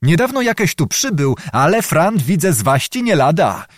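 A man's voice: a little high, very animated, no echo, studio quality, pitched above the performer's own voice. A man doing a sly, mocking young officer. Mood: teasing. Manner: teasing, sly, deliberate.

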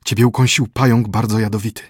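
A man doing a hushed, grave court physician. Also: fairly low pitch, steady tone, fast, breathy edge, dry recording, studio quality. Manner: hushed, half-whispered. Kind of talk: audiobook character voice.

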